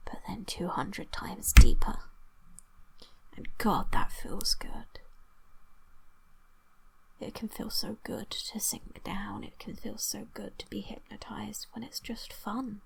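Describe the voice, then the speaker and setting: Woman, whispered ASMR hypnosis, breathy, fry-edged, coaxing, repetitive, lingering pauses, close-miked. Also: mid-range voice, fairly even intonation, darkish tone.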